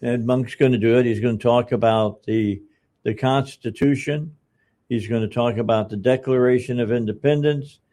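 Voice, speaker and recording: A man in his seventies hosting a talk radio show from a studio, speaking in a rambling, halting way with lots of "uh"s and restarts. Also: mid-range voice, fairly even intonation, warm tone. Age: 70s. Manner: rambling, halting, many uh's and restarts, chuckles often. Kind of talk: casual radio chat.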